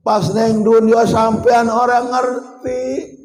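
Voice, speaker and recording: A man with a Javanese accent giving a sermon, telling a story in a slow, dramatic way. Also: extremely high pitch, little pitch movement, a little mellow. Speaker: preacher. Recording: echoey hall reverb.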